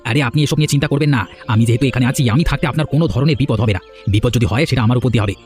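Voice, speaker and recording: A man's voice: mid-range voice, racing, darkish tone, faint music behind, pitched below the performer's own voice, close to an everyday voice. Man doing a sly wheedling thief.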